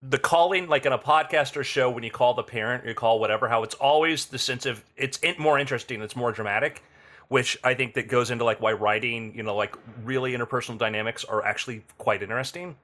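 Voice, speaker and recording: Bright-voiced man with a deadpan delivery. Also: mid-range voice, fast talker. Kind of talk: casual comedic chat.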